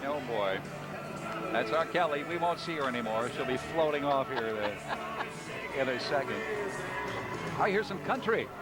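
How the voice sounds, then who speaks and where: A man's voice: mid-range voice, expressive, moderate pace, pauses often. American man, jokey parade commentator over music. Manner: jokey banter. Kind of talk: live parade broadcast commentary, scripted copy mixed with ad-libs. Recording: outdoor street broadcast, music behind.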